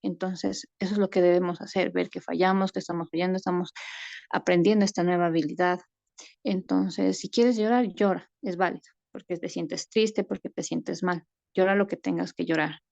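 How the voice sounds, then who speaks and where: A mother explains patiently in a lowish voice, full of small fillers. Her sound comes through a video call that is muffled and close, with no room echo. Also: steady tone, normal speed, gravelly, darkish tone. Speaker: mother sharing in a parents' discussion group. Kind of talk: casual conversational talk.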